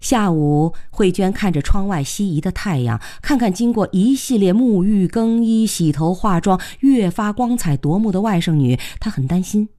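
Brief: female audiobook narrator, measured, animated intonation. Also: mid-range voice. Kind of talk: storytelling narration.

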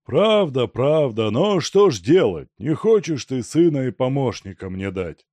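A man's voice: mid-range voice, very animated, unhurried, mellow, dry recording. Man doing a fretful old father. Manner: fretful, pleading. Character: worried old merchant father, fussy and anxious.

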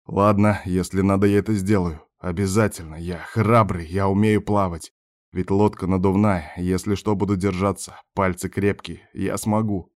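A timid old man fretfully talking himself into courage, in a low voice, as a narrator plays him. Nervous muttering from an audiobook. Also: fairly even intonation, normal speed, darkish tone, dry recording, studio quality, lightly acted. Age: older.

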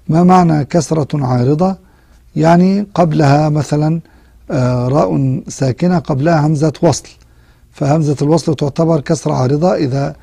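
A man teaching a Quran recitation lesson, explaining rules step by step and drawing out example words slowly. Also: fairly high pitch, gravelly, dark tone, husky, no room sound. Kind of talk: tajweed lesson.

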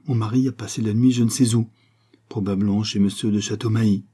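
Man playing a worried young countess, storybook dialogue, urgent and pleading, husky voice. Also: on the low side, steady tone, a little fast, dark tone. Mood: anxious, pleading. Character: young anxious noblewoman, a countess.

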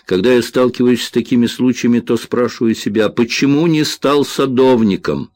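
A man's voice: medium pitch, normal speed, a little mellow, dry recording, close to an everyday voice. A man doing a whiny young orderly. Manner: whining, complaining.

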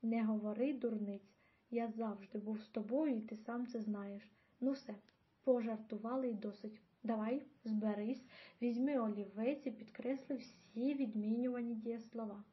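A woman's voice: a little high, fairly even intonation, moderate pace, natural voice. Woman voicing an old grandfather, patient, teasing, audiobook, muffled recording. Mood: coaxing. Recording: dull lo-fi audio.

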